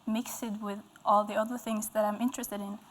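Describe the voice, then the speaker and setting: On a stage with dark curtains indoors, a young adult guest musician from the west coast of Norway answers interview questions with a Norwegian accent, Norwegian being her native language. She speaks a little fast at a medium pitch with little pitch movement, hesitating as she searches for words.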